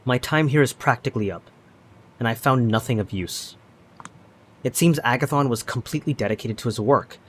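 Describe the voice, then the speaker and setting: A man's voice: mid-range voice, brisk, a little hiss or hum. A man reading a story game's first-person narration aloud as he plays. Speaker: video game player reading aloud. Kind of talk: dramatic reading of game narration.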